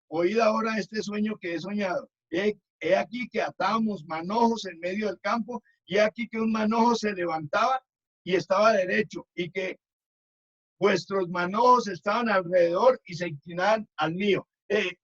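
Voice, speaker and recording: High-voiced preacher, lo-fi sound. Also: male voice, a bit bright. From Colombia. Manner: storytelling with many restarts. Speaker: minister. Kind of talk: Sabbath school lesson testimony. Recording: dull lo-fi recording.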